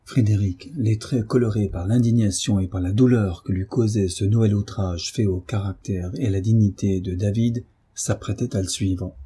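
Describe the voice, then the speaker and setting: A man narrating a classic novel as an audiobook, reading in a measured, steady way. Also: lowish voice, slightly rough. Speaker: audiobook reader.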